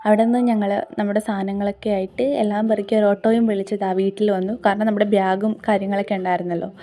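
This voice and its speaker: A woman's voice: mid-range voice, flat delivery, quick pace, warm tone. A woman with a Kerala accent narrating a travel vlog in a casual voice-over, mixing English words into Malayalam. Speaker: travel vlogger. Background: music.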